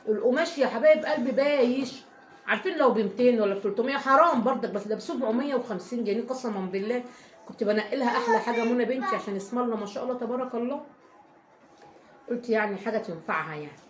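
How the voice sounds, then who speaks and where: A woman's voice: on the high side, a bit bright. A woman with an Egyptian accent, a mother telling a long, rambling story to her viewers in a casual vlog, emphatic and full of oaths. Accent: Egyptian Arabic. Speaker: family vlogger, mother. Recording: echoey room, faint background noise.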